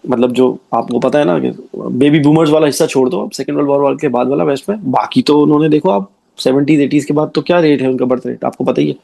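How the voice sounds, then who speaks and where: A man's voice: medium pitch, quick pace, vocal fry, dark tone. A man giving an explanatory commentary monologue, arguing his point with rhetorical questions and frequent check-ins to the listener.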